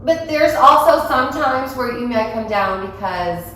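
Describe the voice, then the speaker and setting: A woman's voice: on the high side, expressive, a little slow, fairly bright tone, a little hiss or hum. Chatty woman host in an echoey room. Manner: chatty, encouraging, affirming. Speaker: host, concierge business owner. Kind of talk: casual interview chat. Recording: echoey room, mic far off.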